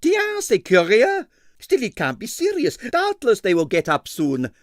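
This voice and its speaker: A man voices a sentimental, money-minded ballet impresario in a storybook, raising his voice high above his natural register with wildly swooping pitch and a slightly slow pace. He is heavily acted, effusive and theatrical, using a thick foreign accent, broken English and French interjections while sounding eager and insistent. The recording is studio quality with no room sound.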